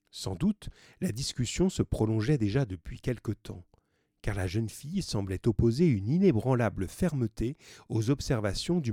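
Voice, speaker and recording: A man narrating a classic novel as an audiobook, in a measured, even reading. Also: medium pitch, no room sound, studio quality.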